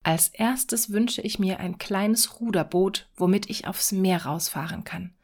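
A woman's voice: mid-range voice, measured pace. A woman voicing a poor, modest fisherman in a fairy-tale reading, in a plain, sensible tone. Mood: plain, hopeful.

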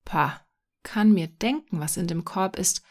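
A woman voicing a stubborn, sad nine-year-old boy in a storybook reading, speaking softly and often in a whisper. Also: medium pitch, unhurried, vocal fry, slightly rough. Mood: proud.

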